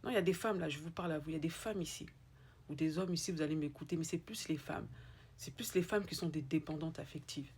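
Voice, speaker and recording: A woman's voice: sits low, fast, a little mellow, slightly rough. A woman with an Ivorian French accent giving a motivational monologue, emphatic and repeating her points straight to the listener. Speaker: motivational speaker.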